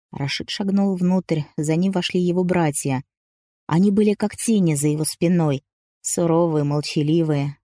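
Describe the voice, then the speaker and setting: A woman's voice: sits low, mellow, dry recording, clean studio sound. A woman narrating a first-person audiobook story with dramatic, emotional delivery.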